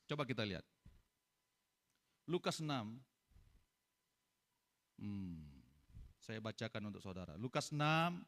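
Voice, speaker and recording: A man preaching a sermon as pastor, repeating refrains and rising suddenly to loud, fervent cries. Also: on the low side, big pitch swings, a little slow, pauses often.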